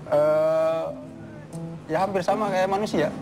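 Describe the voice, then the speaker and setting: A man appearing as an expert guest on a studio talk show, explaining in a steady, methodical way. His voice sits slightly high. Music runs beneath the conversation. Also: takes it slowly. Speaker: guest, chicken contest expert. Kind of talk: explaining in an interview.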